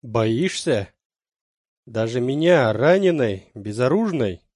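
A man's voice: mid-range voice, lively intonation, slow pace, darkish tone, no room sound. A wounded young rebel woman who sneers at her captors with scorn and defiance, as a male narrator voices her. She speaks with a Slavic-planet accent, and the reading stays close and dry. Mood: defiant.

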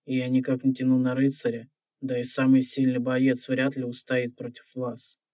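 A man's voice: mid-range voice, monotone, moderate pace, darkish tone, dry recording, distant mic, natural voice. An actor playing an earnest young man in an audio fairy tale, with a courteous, serious way of speaking. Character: earnest, polite slight young red-haired man.

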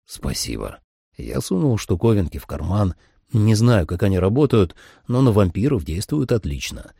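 A man's voice: on the low side, big pitch swings, moderate pace, creaky, dark tone, slightly rough, dry recording. A man reading a first-person audiobook with a dry, wry telling. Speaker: audiobook narrator.

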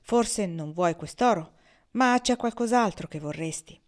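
A shrewd woman who cares about her friend, voiced by a woman narrator. She speaks low but with plenty of energy. It sounds like a storybook reading. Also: animated, unhurried. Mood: persuasive.

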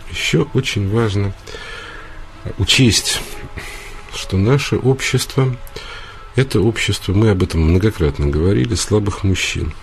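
Low-voiced man lecturing on radio. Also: a little hiss or hum. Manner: earnest, emphatic lecturing with hesitations. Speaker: radio host, psychologist. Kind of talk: radio call-in talk.

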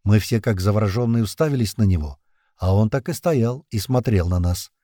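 A man narrating a first-person thriller audiobook in an expressive, tense way. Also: fairly low pitch, a little fast, no room sound, clean studio sound.

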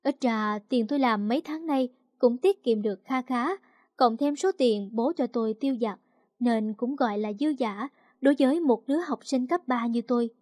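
A woman tells a first-person story in an emotional, confiding manner. Her voice sits high, and the recording is dry and close with no room sound. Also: moderate pace, darkish tone, no echo. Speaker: narrator.

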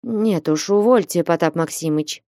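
A meek young man speaks timidly with heavy sighs, voiced by a woman reader. Her voice is low-set and mellow. The read is dry and close, audiobook style. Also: normal speed, no echo, lightly acted. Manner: timid, sighing. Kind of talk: audiobook reading.

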